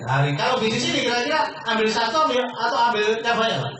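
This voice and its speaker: A man giving a persuasive business sales pitch to a seminar audience, asking questions and answering them himself. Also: big pitch swings, fast. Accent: Indonesian. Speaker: business presenter. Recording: echoey room from far off, faint noise.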